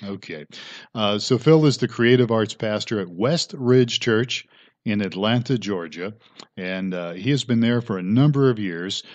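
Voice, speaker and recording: A man's voice: lowish voice, unhurried. An older man co-hosts a chatty podcast, his voice still carrying a radio announcer's habits. He trips over words and laughs at himself. The audio is dull and lo-fi. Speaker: podcast co-host. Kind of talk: casual chat.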